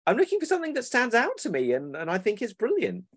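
A man's voice: very high-pitched, wildly swooping pitch, quick pace, no echo. A man, a children's book publisher who rambles and corrects himself in a casual interview over a remote call.

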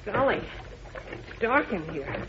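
A man playing an eager, naive young cub reporter in a 1940s radio drama, boyish and excitable. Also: high voice, slow, heavily acted. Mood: eager, curious. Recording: dull, noisy old radio recording.

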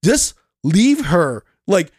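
A man with a fairly high voice co-hosting a casual podcast, venting his frustration and swearing as he talks. The sound is dry and close to the mic. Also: big pitch swings, very slow, a little mellow, husky, no room sound. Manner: exasperated, swears, agrees along. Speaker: podcast co-host.

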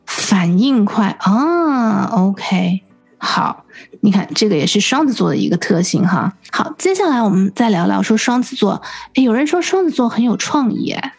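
A woman with a slightly husky voice hosts an English lesson show. She asks curious follow-up questions and echoes each answer back to the listener. Faint music sits under her voice. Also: medium pitch, very animated, moderate pace, a little mellow. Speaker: host. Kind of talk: radio lesson host asking questions.

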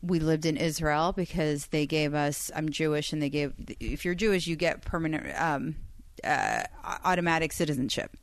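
Lady chatting on a podcast, kinda low voice, soft and hesitant, dry sound. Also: normal speed, dry recording. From Iran. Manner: soft-spoken, hesitant, many restarts. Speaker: podcast guest, comedian and psychic reader. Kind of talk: casual podcast chat.

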